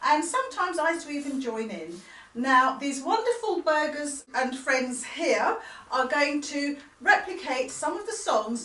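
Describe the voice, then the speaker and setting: A woman hosting and introducing guests at a community sing-along, talking in an animated way and laughing often. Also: high-pitched. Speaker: host. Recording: roomy hall from a distance.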